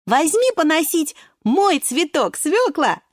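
Woman voicing a little pea boy, storybook, very high voice, eager, kind. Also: takes it slowly, dry recording, studio quality, heavily acted. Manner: excited, eager.

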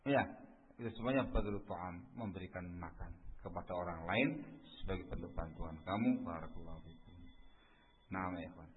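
A man teaching a religious study lesson with a husky voice, emphatic and repeating key phrases. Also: sits low, moderate pace. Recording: phone-like radio stream with long reverb.

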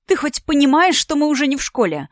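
Here the storybook reader pitches her voice above her natural range, sitting high with big swings and a quick pace, in a dry, clean studio recording. She plays a woman in her thirties on the verge of marriage who sneers and taunts with raised, theatrical sarcasm.

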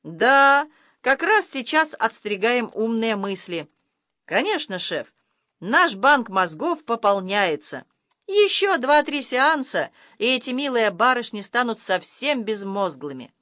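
A woman's voice: fairly high pitch, sing-song, slow pace, bright, forceful tone, dry recording, clean studio sound, voice pushed up, heavily acted. A woman voicing a sly, villainous male dog barber who barks commands and hisses. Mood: scheming. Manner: hissing, barking commands.

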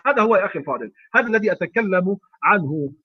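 High-voiced Egyptian sheikh, fast and emphatic. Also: male voice, lively intonation, slightly rough, dull audio. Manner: emphatic, repeats phrases, rhetorical questions. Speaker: sheikh teaching Quran readings. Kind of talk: online lecture.

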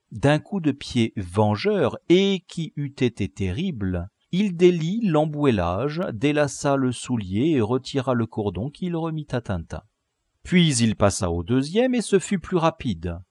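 Slow, expressive male audiobook narrator. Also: medium pitch, no echo. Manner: measured, expressive storytelling. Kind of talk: scripted narration.

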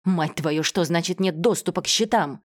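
A woman reads out a wealthy man with a short fuse, harsh and scornful as he shouts at the people around him. Her voice sits fairly low and dry. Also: moderate pace, dry recording, close to an everyday voice. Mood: furious. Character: hot-tempered wealthy man, domineering, scornful.

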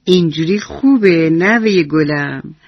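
A woman voicing a kind, patient old grandfather who speaks slowly and softly, on a dull lo-fi radio recording. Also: deep voice, lively intonation, dry recording. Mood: tender.

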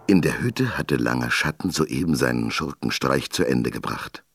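A man narrating a children's story in an expressive, lively reading voice. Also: very deep voice, moderate pace, gravelly, slightly rough.

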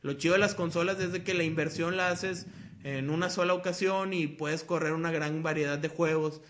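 A young Mexican man hosts a casual podcast chat, his voice sitting a little high for a man. He rambles loosely and drops slang and swear words as he goes. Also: fairly even intonation, a little fast, a bit bright. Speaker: podcast host.

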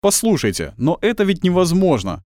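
A man's voice: high-pitched, huge pitch swings, moderate pace, darkish tone, dry recording, studio quality, voice pushed up. A man voicing a stern, dismissive police officer who questions a woman in curt, commanding phrases.

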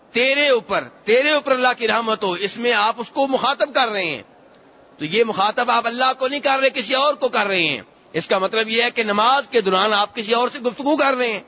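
A man preaching a hadith lesson in a high, bright voice, going over each phrase more than once. He recites Arabic lines slowly, then explains them. The recording sounds dull and lo-fi. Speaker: Islamic preacher.

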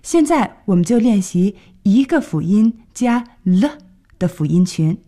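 A woman presenting a scripted radio language lesson, clearly explaining and translating each phrase. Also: mid-range voice, animated, unhurried, warm tone. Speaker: radio English teacher.

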